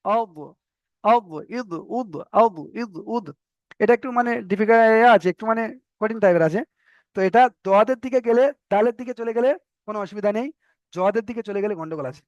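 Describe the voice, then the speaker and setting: A man with a Bengali accent teaching Arabic letter sounds in an online lesson, repeating each sound slowly for learners to practise. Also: sits high, darkish tone, no room sound, dull audio. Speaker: Quran recitation teacher.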